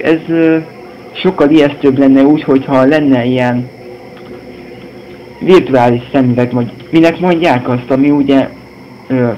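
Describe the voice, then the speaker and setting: A slightly hoarse young man commentating a horror game, cursing and yelping at scares. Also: medium pitch, darkish tone, dull audio, slight background noise. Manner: swearing, jumpy outbursts. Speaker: gameplay video host.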